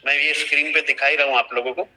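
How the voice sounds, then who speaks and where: A man's voice: a little high, steady tone, fast, sharp tone, rough recording. A young man, talking an online team through a task on a video call and restating each instruction. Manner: explanatory, repeats and restates instructions. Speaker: online trainer. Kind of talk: live screen-share training session.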